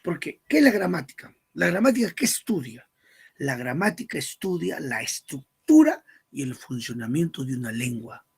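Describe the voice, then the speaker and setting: A male language teacher lectures a class, posing questions and supplying the answers himself. His voice is gravelly and husky, with a fry in it, and sits fairly high for a man. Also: sing-song, normal speed, a little mellow. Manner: asks questions and answers them himself, stresses key words.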